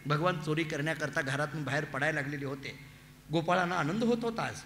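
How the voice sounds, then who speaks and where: High, bright preacher in an echoing hall. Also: male voice, fast talker, slight background noise. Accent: Marathi. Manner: animated, acts out voices of the story figures. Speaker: kirtan preacher. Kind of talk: devotional storytelling sermon. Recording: echoey hall with long reverb.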